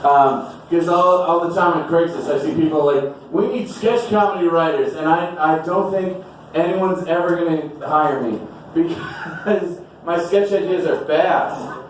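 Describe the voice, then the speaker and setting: A male stand-up comedian rambling through a self-deprecating set, sweating heavily, with bursts of shouted high voices. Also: unhurried, distant mic, a little hiss or hum. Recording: echoey venue mic heard from afar with crowd. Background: audience.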